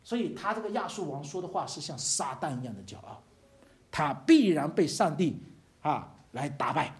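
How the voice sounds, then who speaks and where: Animated preacher with a lively, swooping voice. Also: mid-range voice, moderate pace. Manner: animated, asks the congregation rhetorical questions; chuckles between phrases. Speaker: pastor. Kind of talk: sermon.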